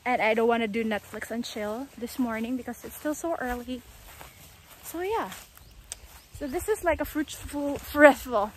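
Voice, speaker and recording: A young Filipino woman with a high voice vlogs outdoors on a rural farm, holding her phone at arm's length. She chats casually and spontaneously, switching between English and Filipino languages. The recording is rough, with a little hiss or hum.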